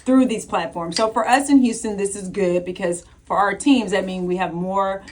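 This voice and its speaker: A woman co-hosting a casual talk show, upbeat and quick to laugh. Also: mid-range voice. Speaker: co-host. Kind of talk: casual chat.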